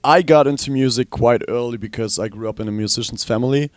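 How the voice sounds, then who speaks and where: Young Austrian-born musician, chatty and dry. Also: male voice, medium pitch, fast, dry recording. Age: young adult. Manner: relaxed, rambling, frequent ums. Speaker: guitarist and singer. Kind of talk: casual interview.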